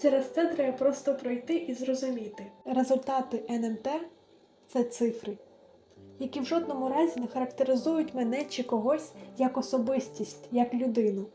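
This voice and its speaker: A young woman in her late teens talks through study advice with an earnest, gentle manner. Her voice sits on the higher side. The room rings noticeably, and clear background music plays under her speech. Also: normal speed, roomy sound. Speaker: vlogger. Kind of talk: advice vlog narration.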